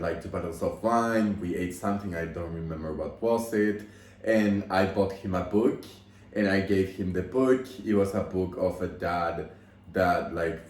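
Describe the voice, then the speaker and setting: A man's voice: sits low, darkish tone, a little hiss or hum. A young man casually telling a story time at home, rambling with lots of "like" fillers and emotional gushing. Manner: rambling, heavy use of "like" fillers. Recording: roomy echo.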